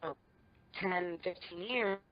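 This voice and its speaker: A woman's voice: lowish voice, measured pace. A woman from the Dominican Republic talking on a phone video call, her voice garbled and breaking up, apologetic as she checks the connection. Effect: choppy, garbled call audio breaking up. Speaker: guest actor. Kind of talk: casual interview over a call. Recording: dull, lo-fi phone call audio.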